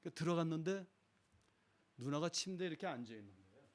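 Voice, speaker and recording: A man's voice: a little high, animated, brisk. A middle-aged man giving a sermon testimony in a church, acting out the voices of the people in his story. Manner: dramatic storyteller, acts out quoted voices. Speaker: guest speaker giving testimony. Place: church sanctuary.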